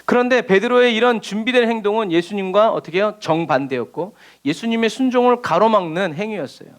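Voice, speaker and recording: A male pastor with a high-pitched, expressive voice talks fast through a midweek sermon. He poses rhetorical questions to the congregation, answers them himself, and acts out the lines he quotes.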